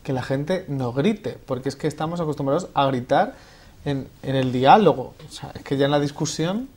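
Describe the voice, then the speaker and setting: A man's voice: medium pitch, animated, normal speed, darkish tone. A man from hosting a conversational interview, informally musing and rephrasing what his guest says. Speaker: interviewer, show host.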